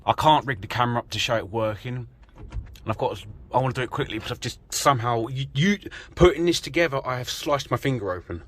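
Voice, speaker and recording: A British vlogger speaks fast in a mid-range voice with a fairly bright tone. Working in and around an off-road vehicle outdoors, this amateur vehicle DIYer rambles casually into a handheld camera, offering a walkthrough full of self-deprecation. The handheld phone or camera mic captures a noisy recording with vehicle ambience.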